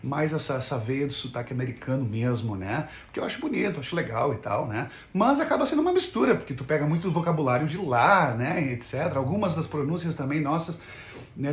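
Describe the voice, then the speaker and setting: A Brazilian man with a slightly high voice talks casually as an English teacher in an unscripted vlog, rambling and often checking for agreement with little tag questions. The room sound is roomy and echoing.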